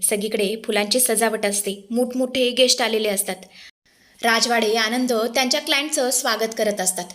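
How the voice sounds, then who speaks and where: A woman's voice: on the high side, a bit bright. Dramatic woman narrator recapping a serial. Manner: dramatic, addresses the audience. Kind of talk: storytelling recap.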